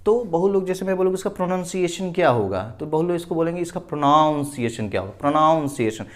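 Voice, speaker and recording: Indian man teaching English, higher voice. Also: darkish tone. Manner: explains slowly, repeats words, keeps asking "ठीक है?". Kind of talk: classroom grammar lesson at a board.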